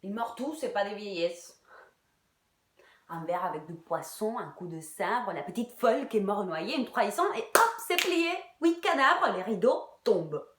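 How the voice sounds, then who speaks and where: A woman's voice: medium pitch, lively intonation, moderate pace, fairly bright tone, reverberant, slight background noise, lightly acted. An actress playing a heartbroken, bitter Irish woman in a theatre monologue, crude and sardonic, sometimes dropping to a whisper. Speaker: actress in a one-woman show.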